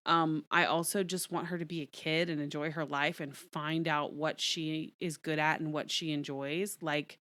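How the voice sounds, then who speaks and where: A woman's voice: deep voice, little pitch movement, moderate pace, hardly any pauses, fairly bright tone, dry recording. Wanita paruh baya yang santai dan terus terang, suara agak rendah, rekaman kering. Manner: candid, chatty, laughs often. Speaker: guest, entertainment reporter. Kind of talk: casual interview chat.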